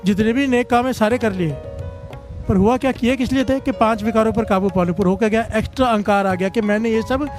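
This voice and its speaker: High-voiced man preaching a devotional sermon. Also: fairly quick, soft background music. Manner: exhorting, repeatedly leads the congregation in call-and-response; animated, rises in pitch on exhortations. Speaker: Sikh katha preacher. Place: religious gathering before a congregation.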